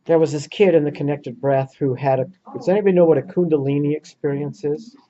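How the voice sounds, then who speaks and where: A man with a fairly high, mellow voice tells a story to a small group in an earnest, animated way. The recording is dull and lo-fi. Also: fast talker. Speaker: workshop leader. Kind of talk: speaking to a small audience. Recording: muffled lo-fi recording.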